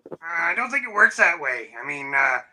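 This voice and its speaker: A man voicing a friendly, middle-aged male closet monster who talks haltingly with lots of uh. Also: fairly high pitch, big pitch swings, sharp tone, slight background noise, full character voice, rough recording. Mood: easygoing. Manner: halting, says uh a lot, mild and polite.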